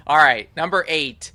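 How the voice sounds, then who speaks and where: A podcast host who asks quick-fire questions in a light, joking way and laughs often. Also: mid-range voice, sharp tone. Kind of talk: casual interview chat.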